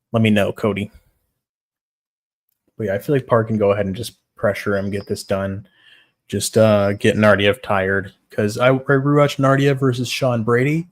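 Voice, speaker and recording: Young male streamer, lowish voice, tired and laid-back, casual swearing, reading chat between picks. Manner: relaxed, swears casually, greets chat by name. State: tired, yawning. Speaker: livestream host giving fight picks.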